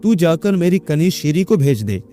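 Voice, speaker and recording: A man's voice: on the high side, very animated, dark tone, soft background music. A man voicing a young man who insists he is the caliph, speaking in a commanding, indignant way.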